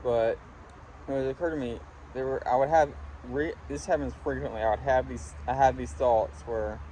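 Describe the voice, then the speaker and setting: A young man from Alabama talking in a casual, halting, reflective ramble while smoking a pipe, often trailing off. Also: mid-range voice, fairly even intonation, warm tone, low-quality recording. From Alabama, United States. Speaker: vlogger talking to viewers. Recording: windy, clear background noise. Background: wind.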